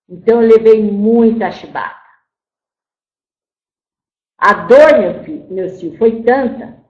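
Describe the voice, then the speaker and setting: A woman's voice: mid-range voice, muffled recording, lightly acted. A woman voicing the spirit of an old, once-enslaved grandmother. In a channeled spiritual talk, she scolds her listeners and calls them "my child". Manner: storytelling, repeats "my child", scolds then grieves. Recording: roomy echo.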